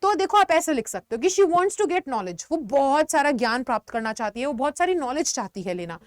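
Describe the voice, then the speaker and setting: A woman teacher explaining vocabulary in an online lesson, mixing Hindi with words and giving lively examples. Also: high-pitched, fast, no room sound. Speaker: English teacher.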